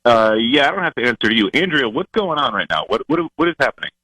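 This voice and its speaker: Male caller, very fast and forceful, defensive and stammering, dry sound. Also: medium pitch, big pitch swings, no echo, poor audio. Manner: defensive, stammering, raises his voice. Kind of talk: on-air phone call.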